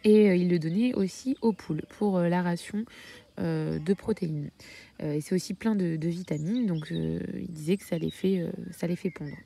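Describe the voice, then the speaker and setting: A woman's voice: lowish voice, normal speed, vocal fry, dark tone, slightly rough. A woman from France talking casually about her hens in a homestead vlog, hesitating often with filler sounds. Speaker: backyard poultry keeper.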